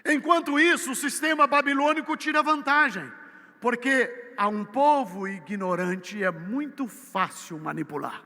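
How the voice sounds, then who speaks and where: A Brazilian man with a Brazilian Portuguese accent preaching a sermon, swinging from loud emphatic peaks to low, quiet asides. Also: lively intonation, unhurried. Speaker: missionary preacher. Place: church. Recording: church hall with long reverb.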